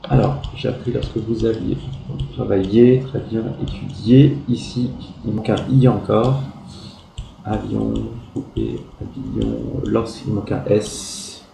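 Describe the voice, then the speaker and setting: A schoolteacher, a man, works through his pupils' exercises, spelling out verb endings letter by letter with patient, gentle praise. His voice is low, very dark and gravelly, and his delivery is slow. He sounds like he is in an echoey room with a faint hum of background noise. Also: steady tone. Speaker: primary school teacher. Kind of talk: correcting pupils' written exercises aloud.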